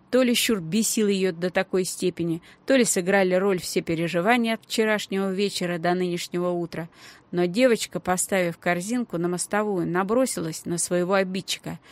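A woman narrating a children's book aloud in an expressive, lively reading style. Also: on the low side, moderate pace, dry recording. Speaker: audiobook narrator. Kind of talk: scripted storybook narration.

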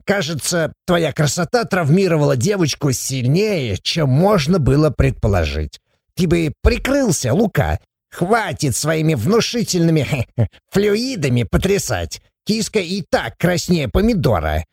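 A man's voice: measured pace, vocal fry, breathy edge, no echo, studio quality, heavily acted. A man voicing a playful, sly shaggy male dwarf who teases and chatters in a raised voice. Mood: teasing. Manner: teasing, chattering, high and lively.

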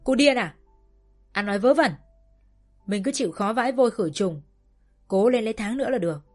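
A woman voicing a short-tempered farmer father who barks angry shouts in a storybook reading. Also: fairly high pitch, expressive, a little fast, faint music behind, pitched above the performer's own voice.

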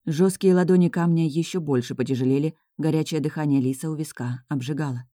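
A woman reads a first-person novel aloud, voicing the story expressively. Her tone is dark and mellow, and the recording is close and dry with no room sound. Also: low-pitched, fast talker, dry recording. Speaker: audiobook narrator. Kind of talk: first-person audiobook narration.

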